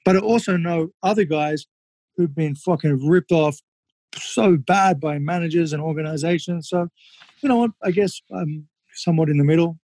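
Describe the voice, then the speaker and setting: A man's voice: fairly high pitch, normal speed, a little mellow, no echo. A man, a former kickboxer, telling stories in a casual interview, candid and swearing freely with lots of fillers.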